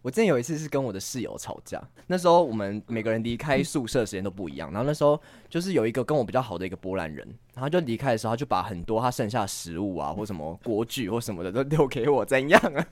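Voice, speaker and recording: A man in casual podcast chat, telling a rambling personal story with fillers and quick laughs. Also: mid-range voice, animated, no room sound. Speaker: guest.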